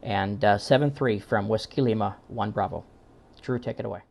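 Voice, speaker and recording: The founder of an amateur radio exam team presents at a conference in an informal recording, his voice lowish, creaky and a little mellow at a moderate pace. His manner is earnest and wordy, with formally phrased language.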